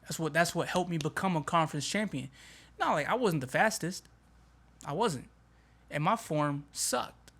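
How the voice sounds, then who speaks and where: A man hosting a motivational podcast, talking in an energetic, emphatic way with casual slang. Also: fairly high pitch, moderate pace. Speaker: podcast host. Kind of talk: motivational talk.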